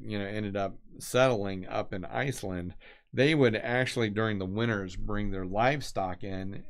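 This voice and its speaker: A man chatting casually while he doodles, meandering from thought to thought with lots of fillers and restarts. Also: fairly low pitch. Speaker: designer doodling on camera. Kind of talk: casual rambling chat.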